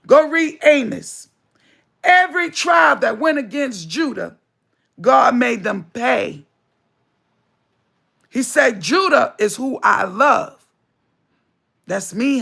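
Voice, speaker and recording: Lady on a spiritual livestream, gravelly voice, real slow, preachy and keeps repeating herself. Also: on the high side, a bit bright. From United States. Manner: emphatic, preachy, repeats lines for stress. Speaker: livestream host.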